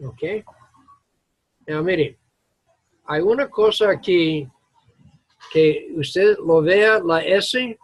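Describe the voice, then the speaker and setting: Un hombre que enseña gramática inglesa en una clase, con explicaciones lentas y entrecortadas, mezclando palabras en inglés. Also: male voice, high voice, no room sound. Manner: slow, halting explanations mixing English words into Spanish. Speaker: English teacher. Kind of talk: classroom grammar lesson. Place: classroom.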